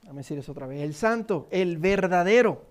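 A pastor from Puerto Rico, speaking with a Puerto Rican Spanish accent, preaches a sermon in a high, lively, brisk voice. He reads scripture emphatically and repeats key phrases.

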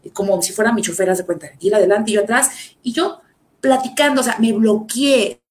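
A woman giving a personal testimony in a halting, emotional way, with many fillers and restarts, often dropping to a low, soft voice. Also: steady tone. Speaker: survivor sharing her story.

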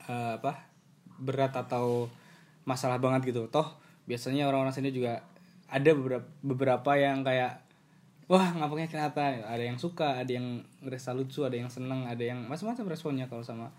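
Speaking fairly quickly in a steady, darkish mid-range voice, this young adult student from Kebumen in Central Java is a guest on a podcast. His talk is casual chat, rambling through stories with fillers and asides, all in a Banyumasan ngapak Javanese accent.

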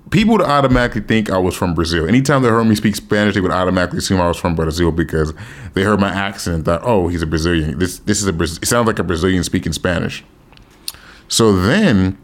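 A man from the United States chatting casually and slangily, with some swearing and bits of Spanish mixed in. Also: low-pitched. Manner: slangy, profane, mixes in Spanish phrases. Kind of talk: casual chat about language learning.

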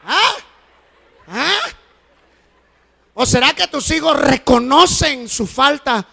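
A middle-aged male pastor preaching an animated sermon, swinging from shouting to soft storytelling. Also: extremely high pitch, slow, creaky.

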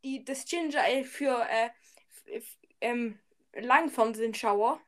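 A woman's voice: on the high side, slow pace, fairly bright tone. A woman chatting casually on a podcast, giggly and hesitant.

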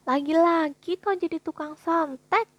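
A woman voicing a curious, blunt young girl in a storybook reading, with a breathy voice and eager, bright questions. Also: very high voice, unhurried, no room sound, pitched above the performer's own voice.

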